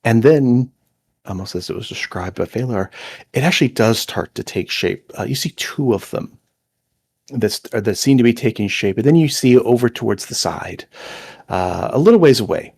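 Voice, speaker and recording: A man narrating as game master for an online tabletop game, with a halting delivery full of fillers. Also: medium pitch, expressive, darkish tone, breathy edge.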